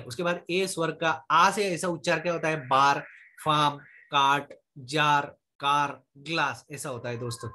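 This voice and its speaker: A man teaches a casual English lesson in Hindi, slowly reading word lists aloud for practice. His voice sits a little high and has a husky edge. He keeps saying "friends" and "okay" between points. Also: a bit bright.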